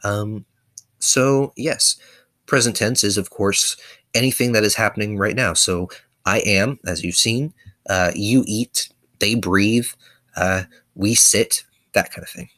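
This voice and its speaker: A man's voice: on the low side, slow, pushed and bright. A man casually explaining his constructed language's verbs in a video lesson, hesitant, with frequent ums and self-corrections. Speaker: conlang teacher.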